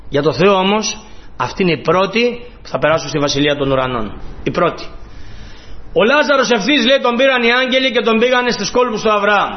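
A man with a notably high voice delivers a sermon, swinging from low, hushed phrases to loud, pleading outbursts. The recording is dull and lo-fi. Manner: fervent preaching, voicing quoted pleas and rising to loud emphasis. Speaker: priest.

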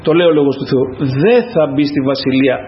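A man's voice: mid-range voice, expressive. A man preaching a fervent sermon as pastor, calling out to the congregation again and again. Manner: fervent, repetitive calls to the congregation. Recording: echoey, dull lo-fi church recording.

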